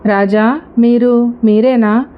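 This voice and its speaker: A principled young wife, read aloud by a woman who asks sharp, pointed questions. The voice is fairly high. The recording sounds slightly dull and lo-fi. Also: steady tone, slow pace. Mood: confronting. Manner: pointed, probing.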